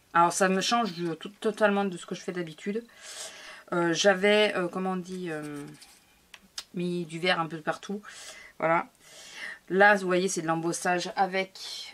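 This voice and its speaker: A woman's voice: fairly low pitch, fairly bright tone. A woman casually showing her scrapbook album to viewers, chatty and hesitant, with many fillers and restarts. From France. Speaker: scrapbooking vlogger. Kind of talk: casual show-and-tell of a craft album.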